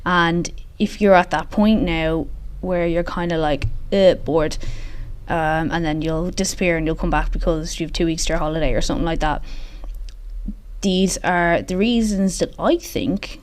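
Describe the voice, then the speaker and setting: A woman's voice: on the low side, moderate pace. A woman hosting a casual solo podcast, talking in an informal, chatty way, recorded in the echoey open space of a gym. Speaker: podcast host. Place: large open gym, indoors.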